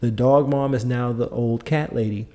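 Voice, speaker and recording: Middle-aged male podcast host; mid-pitched, warm dark timbre; emphatic, repetitive, lecturing delivery. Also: fairly even intonation, normal speed. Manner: emphatic, lecturing, repeats points. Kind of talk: opinionated monologue.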